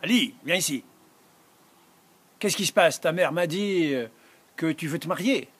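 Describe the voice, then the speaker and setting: Stern old immigrant father, played by a man, traditional, questioning, husky. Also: a little high, unhurried, fairly bright tone.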